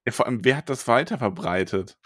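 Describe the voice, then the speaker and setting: A man co-hosting a casual podcast, chatting about a book chapter, animated and quick to laugh. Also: mid-range voice, no echo, studio quality. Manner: animated, laughs often, retells scenes in voices. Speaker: podcast co-host.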